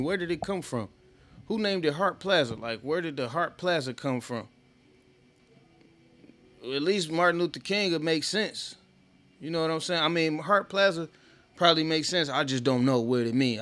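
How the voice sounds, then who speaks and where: Solo podcast host, man, loose and profane, slightly high voice, dry close sound. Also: no echo. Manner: loose, profane, rambling, talks to listeners directly. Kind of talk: casual solo commentary.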